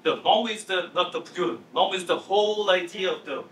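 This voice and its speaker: This man's voice sits high and sounds a bit bright, picked up by a distant mic in an echoey lecture hall with faint noise. He's a conference discussant in an academic Q&A, stumbling and restarting repeatedly as he explains word forms.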